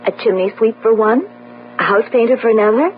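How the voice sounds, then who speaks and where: Actress as shrewd young fiancée, tinny old radio. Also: female voice, on the high side, quick pace, a little hiss or hum, close to an everyday voice. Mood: thoughtful, clever. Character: young engaged woman, shrewd, affectionate, later terrified. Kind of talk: old radio mystery drama acting.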